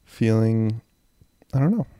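A young man with a phlegmy, sick throat rambles in a low-key way as he hosts a casual solo podcast into a close handheld mic. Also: animated, slow pace, mellow, smooth, dry recording. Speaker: podcast host. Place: in bed, indoors. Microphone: handheld mic and audio recorder, close.

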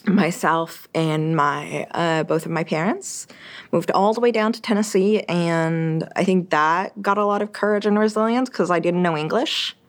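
A young Quebec woman whose first language is French chats casually as an interview guest, filling her speech with fillers and restarts. She speaks at a normal pace with a fairly low pitch.

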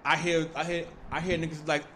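A young man with a fairly high voice spins a long story in loose, profane street slang. He rambles through fillers and restarts and gets animated as the tale builds. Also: a little fast. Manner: animated, breaks into laughter. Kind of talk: casual chat.

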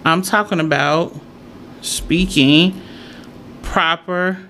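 A woman's voice: lowish voice, drawn-out words, fairly bright tone. A woman chatting casually to followers as a host, thinking aloud and repeating her points for emphasis. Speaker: solo host. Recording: clear background noise, room ambience.

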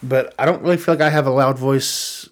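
A podcast co-host chats casually in a steady, mid-range voice at a fairly quick pace, rambling, restarting sentences a lot, and laughing at his own jokes. He sits a bit back from his studio mic.

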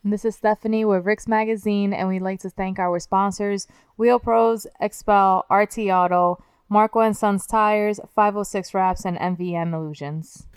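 A woman's voice: mid-range voice, fairly even intonation, normal speed, few pauses, clear, resonant tone, dry recording. A woman co-host reading out a list of sponsors. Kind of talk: sponsor read.

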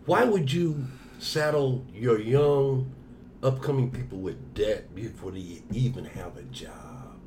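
Lively, emphatic profane man. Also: medium pitch, takes it slowly, a little hiss or hum. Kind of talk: casual chat.

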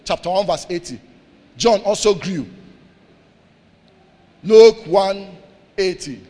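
A pastor preaching a sermon, calling out questions for the congregation to answer and repeating key lines, swinging between loud declarations and soft asides. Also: male voice, high-pitched, animated, slow pace, big-room sound.

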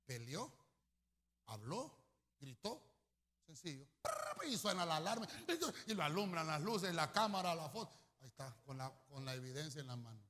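A male pastor preaches a sermon in a high, husky voice. His pitch leaps and falls all over, and he swells suddenly loud before dropping back. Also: big pitch swings, normal speed.

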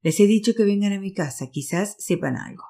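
A woman's voice: mid-range voice, animated, brisk, mellow. A woman reading a novel aloud, voicing an insistent, bossy sister who turns firm and soothing by turns. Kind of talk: audiobook reading.

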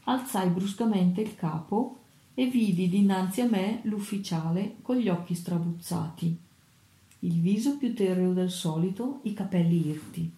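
A woman narrating an old adventure novel in a steady, measured audiobook reading. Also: fairly low pitch, reverberant.

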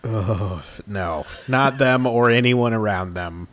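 Unhurried, expressive man in casual chat. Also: fairly low pitch. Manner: expressive, animated reactions, groans and sighs. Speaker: podcast co-host. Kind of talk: casual chat reviewing a TV episode.

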